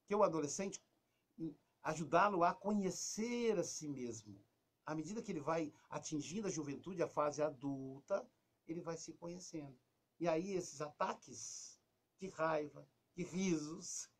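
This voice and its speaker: A man with a Brazilian Portuguese accent giving casual advice on a talk show, lively, acting out quoted lines and dropping to a soft, low voice. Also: slightly rough.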